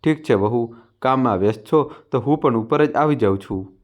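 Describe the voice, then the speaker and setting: A man's voice: medium pitch, normal speed, lightly acted. A man voicing a timid elderly mother. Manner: soft, pleading, hesitant.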